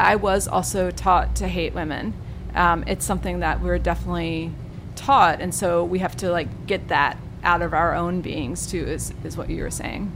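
A woman's voice: medium pitch, background noise. A woman hosting a casual radio interview, talking in a reflective, conversational way. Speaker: radio host, educator. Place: radio studio.

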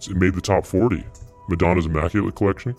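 A man's voice: steady tone, fast talker, darkish tone, soft background music. A man hosting a prank call show through a voice changer, teasing a caller with goofy tangents. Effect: voice changer, deep morphed voice. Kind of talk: mocking prank phone banter.

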